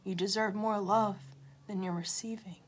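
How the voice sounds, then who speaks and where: A woman tarot reader giving an emotional motivational pep talk to viewers on a livestream, repeating herself and swinging between loud urging and a hushed near-whisper. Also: mid-range voice, steady tone, normal speed. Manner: repetitive, direct address to viewers.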